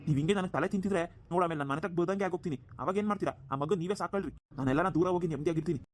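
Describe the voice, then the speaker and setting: A man's voice: a little high, very fast, natural voice. A man voicing a stubborn, callous young village husband who drinks, in a cartoon, talking dismissively. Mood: defiant. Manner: dismissive, defiant. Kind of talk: cartoon dubbing.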